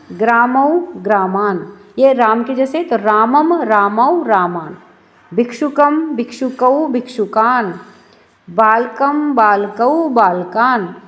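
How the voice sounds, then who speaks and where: A woman with a high voice teaches a class. She explains patiently, poses questions and answers them herself, and recites word forms slowly one after another.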